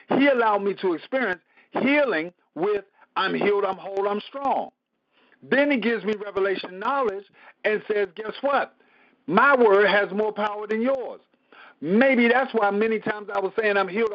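Pastor, male, high voice, teaching Bible study with repeated phrases and sudden emphasis, dull lo-fi recording. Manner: preaching, repeats phrases, swings from low murmur to loud emphasis.

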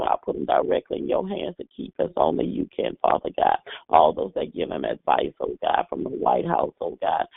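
Man leading a prayer call, husky voice, swoops way up and down, says lord god after everything. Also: rumbling low, dry recording. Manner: repeats "Lord God" after nearly every phrase, pleading cadence. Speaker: prayer line leader. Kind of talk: fervent spoken prayer. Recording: tinny phone line.

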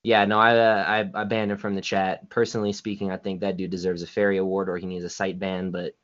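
Lower-voiced man hosting a loose online show. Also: flat delivery, fast talker, highs cut off. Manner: loose, profane, moderating. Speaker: host. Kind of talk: casual online show chat.

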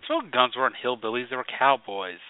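A man's voice: medium pitch, sing-song, fast talker, dry recording. Male co-host, rambling casual chat, dry, phone-like audio. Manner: rambling, heavy on "like" fillers. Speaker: podcast co-host. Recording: tinny phone-like dry sound.

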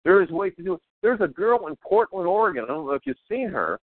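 A man's voice: sits high, very animated, fast, dry recording, phone-quality sound. A middle-aged man giving a casual motivational talk in a wired, over-caffeinated way, eagerly rambling and often restarting his phrases. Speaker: self-help author, interview guest.

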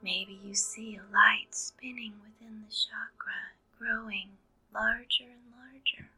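A woman leading a guided energy-healing meditation in an airy, breathy whisper, soothing and mystical, in short deliberate phrases. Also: a little high, fairly even intonation, rough recording. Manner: airy, breathy, hushed mystical healer delivery. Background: music.

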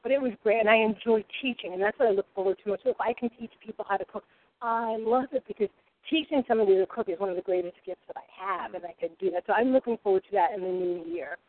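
Talking fast in a mid-range voice, a Rhode Island woman in her forties, appearing as a guest cook, chats casually in a loud, rambling way. The audio has a tinny, phone-like quality.

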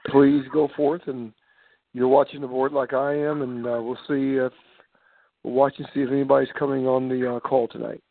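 A man's voice: medium pitch, flat delivery, moderate pace. A tired man hosting a phone prayer call, speaking hesitantly with many ums and uhs. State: tired, yawning. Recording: dry tinny phone line.

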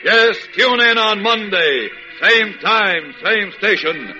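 A man's voice: high-pitched, expressive, slow. A man with an American accent announcing and narrating a 1940s radio serial in a theatrical, suspenseful old radio announcer style. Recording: dull vintage radio broadcast, loud music.

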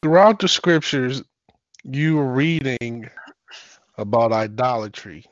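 A man leading a live Bible study, short of breath, speaking in a halting, deliberate way with frequent throat clearing. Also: dry recording. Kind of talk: religious teaching on a live call-in. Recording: muffled, dull low-fidelity audio.

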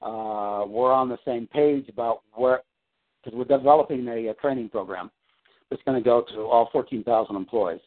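Here a coaching client with a medium-pitched voice talks at a moderate pace about his job. His casual call from home comes through a tinny phone line, full of restarts, fillers and rambling.

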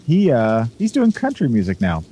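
A man's voice: mid-range voice, huge pitch swings, moderate pace, dark tone, breathy edge. A man co-hosting a podcast in a casual, joking conversational style. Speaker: podcast co-host.

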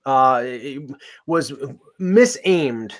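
A man's voice: medium pitch, animated, extremely slow. A man hosting a casual sports podcast, talking in a rambling way with many restarts and fillers. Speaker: podcast host.

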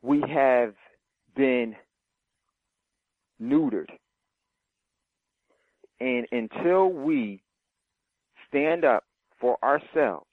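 A man hosting a talk show, making forceful, deliberate declarations before handing over to his guest. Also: mid-range voice, no echo. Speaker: host. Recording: dry, tinny phone-line sound.

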